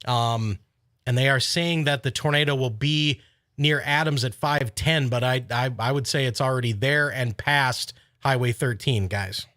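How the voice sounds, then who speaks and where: Male forecaster for live severe weather coverage, mid-pitched, measured yet urgent, recorded close and dry. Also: bright, forceful tone, dry recording. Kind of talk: live tornado warning commentary.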